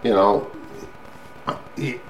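An older American man chatting casually in a folksy, halting, rambling way. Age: older, grandfather. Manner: folksy, chuckling, halting delivery. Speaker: vlogger. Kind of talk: rambling casual chat to listeners. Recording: clearly noisy background.

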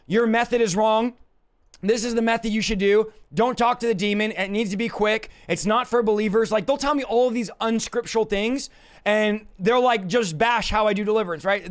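A male preacher with a very high, raspy voice, strained and worn from overuse. He teaches informally to a livestream, pushing his points combatively and repeating them for emphasis. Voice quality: hoarse, raspy. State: voice worn out from yelling. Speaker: preacher and deliverance minister.

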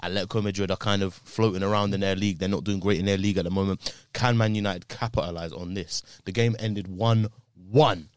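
Man, podcast host, low voice, dry close sound, slangy football banter. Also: clear, resonant tone, no echo. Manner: lively, slangy, quick to laugh. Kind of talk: casual football chat.

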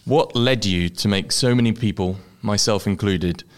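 A man's voice: lowish voice, moderate pace. A man hosting a business podcast, presenting and putting questions to a guest. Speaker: podcast host, magazine editor-in-chief. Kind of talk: scripted podcast introduction and interviewing.

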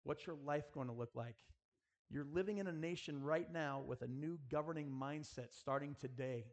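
At normal speed and with a voice on the high side, a man gives a sermon with rhetorical questions and prayer. His earnest school chapel style exhorts the audience and speaks to them directly.

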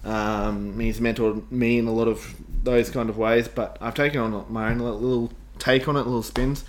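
A man's voice: medium pitch, little pitch movement, moderate pace, slight background noise. A man co-hosting a casual podcast chat as the game master, talking cheerfully with lots of fillers and giggles.

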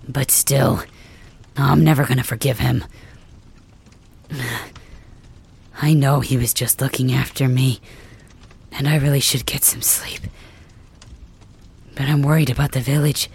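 A woman's voice: extremely low pitch, vocal fry, a little mellow, slightly rough, heavily acted. A woman voicing a proud young warrior leader who lies wounded and paralyzed, talking in a weary, half-whispered, drowsy way in an ASMR roleplay. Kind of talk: ASMR roleplay audio drama.

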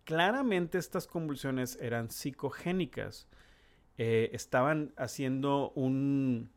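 A middle-aged man speaks in an earnest, halting way, often restarting his sentences. His voice sits at an ordinary pitch as he chats with a guest. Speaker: neurologist podcast host. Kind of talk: conversational interview.

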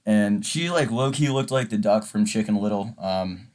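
Animated young man telling a story. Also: fairly low pitch, normal speed. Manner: animated, acts out the story with swearing and laughs. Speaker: podcast co-host. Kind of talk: casual storytelling chat. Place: audio-only podcast recording.

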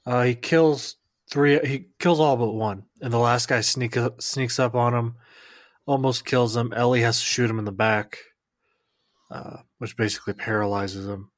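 A man co-hosting a casual podcast, recapping plot events in plain, steady summary. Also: mid-range voice, moderate pace, no room sound, clean studio sound. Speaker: podcast co-host. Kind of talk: casual chat.

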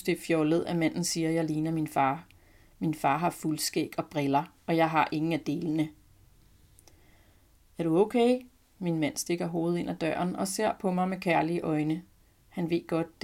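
A middle-aged Danish woman, a podcast host, reading her own personal short story aloud in a calm, reflective first-person voice. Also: lowish voice.

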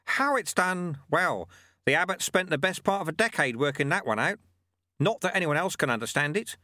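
A man's voice: on the high side, expressive, moderate pace, sharp tone, dry recording, voice pushed up. A man voicing an old, wry male monk who lectures in an offhand, chatty way.

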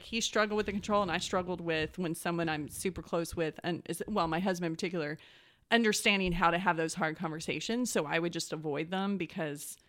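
A woman's voice: fairly low pitch, fairly bright tone. A woman co-hosting a podcast, speaking casually in a group conversation. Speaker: podcast co-host.

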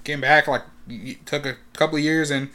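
A young man chats casually to the camera as a sports fan, rambling, repeating himself and leaning on lots of fillers. His voice sits on the high side and moves briskly, and he gets loud and excited at the big moments.

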